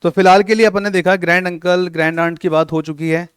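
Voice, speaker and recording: A man's voice: high voice, steady tone, quick pace, clean tone, no room sound, studio quality. A man teaching a coaching class, teasing his students and acting out little scenes as he explains. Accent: Hindi-English mixing, Rajasthan. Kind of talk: classroom lecture.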